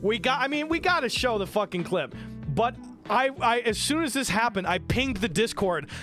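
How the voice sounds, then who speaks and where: High-voiced excitable man telling a story. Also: faint music behind. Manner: excitable, profane, doing quick voices for others. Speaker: streamer. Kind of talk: animated storytelling on a live stream. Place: home streaming room.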